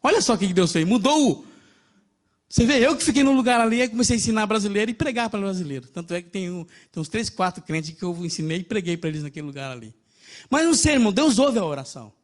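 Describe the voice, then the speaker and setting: A man's voice: high-pitched, expressive, quick pace. A man with a Brazilian accent preaching a sermon in a conversational, storytelling way, often addressing listeners as brother. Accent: Brazilian Portuguese. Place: church in Japan.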